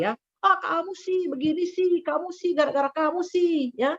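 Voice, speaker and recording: Animated woman preaching over a dull call. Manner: animated, acts out quoted people in high voices. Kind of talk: sermon over a video call. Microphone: video call. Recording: dull lo-fi video call audio.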